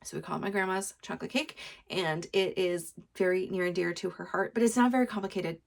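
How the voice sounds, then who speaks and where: Chatty woman with a gravelly edge. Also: lowish voice, fairly even intonation, fast talker. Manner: rambling, chatty, many fillers and laughs. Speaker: podcast host. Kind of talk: casual solo chat.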